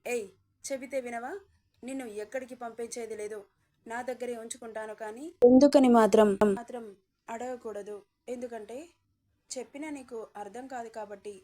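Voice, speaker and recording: This is a storybook reading with a scheming male kidnapper who coaxes and threatens his young captive, as a woman narrator puts him on. His voice stays fairly high, the way it sounds when a woman reads for him. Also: fairly even intonation, moderate pace, warm tone, natural voice. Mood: menacing. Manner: coaxing, then threatening. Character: scheming male kidnapper uncle, menacing and fake-kind.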